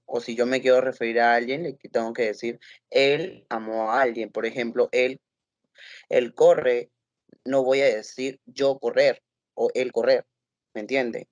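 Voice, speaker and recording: A man's voice: mid-range voice, dry recording. A male student answering his teacher's question over a video call, hesitant and restarting his sentences. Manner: hesitant, restarts and fills gaps with "eh". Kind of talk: answering in an online class.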